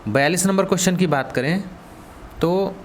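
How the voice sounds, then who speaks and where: A man's voice: sits high, moderate pace, slight background noise. A male coaching teacher with a Hindi accent going through exam questions. He asks the students, then answers and repeats the key words. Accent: Hindi, Varanasi region.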